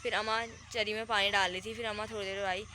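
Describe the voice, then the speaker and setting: A woman's voice: medium pitch, flat delivery, fast, sharp tone. A young woman from India, rambling on about her day as a casual vlogger. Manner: chatty, rambling storytelling. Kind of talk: casual vlog narration. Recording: noisy outdoor phone audio.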